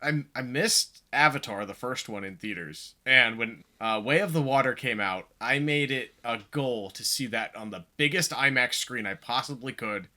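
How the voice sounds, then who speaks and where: A man co-hosting a casual movie review podcast, excitable, swearing freely and restarting his sentences often. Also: mid-range voice, moderate pace, few pauses. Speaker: podcast co-host.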